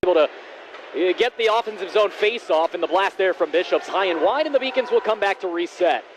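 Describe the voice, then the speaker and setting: A man doing live ice hockey play-by-play commentary, raising his voice into excited shouts on scoring chances. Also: sits high, brisk. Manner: excited raised goal calls, shouting on chances. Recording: noisy rink, faint background noise.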